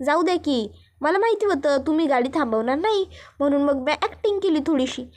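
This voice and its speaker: A woman's voice: high voice, lively intonation, brisk, a little mellow. A woman voicing a chatty, sly young village woman who talks in rustic speech. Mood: teasing.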